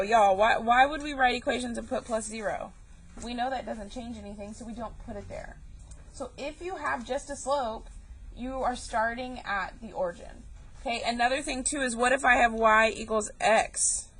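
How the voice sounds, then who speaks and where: A woman's voice: fairly high pitch, a bit bright, slight background noise, rough recording. A young woman teaching a math class, chatty and joking, calling her students y'all. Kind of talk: recorded classroom lesson.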